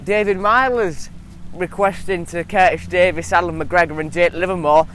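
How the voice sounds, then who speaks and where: A man's voice: high-pitched, steady tone, normal speed, a bit bright. A young man hosting a casual football vlog, talking with a lisp and slightly slurred speech from wearing a retainer. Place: outdoors. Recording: outdoor noise, vehicles, passing grass cutter. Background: traffic-like outdoor noise, grass cutter.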